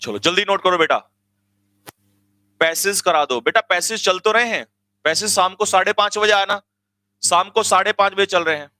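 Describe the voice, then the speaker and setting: A man teaching grammar in an online exam-coaching lecture, energetic, urging his students to hurry and quizzing them with repeated questions. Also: high voice, normal speed, long pauses, no echo.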